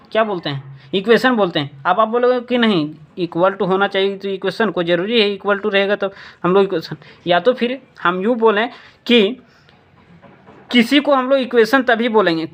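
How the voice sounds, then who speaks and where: A man's voice: high voice, a bit bright. A male maths teacher from India explaining a board lesson step by step, asking himself questions and repeating the key points.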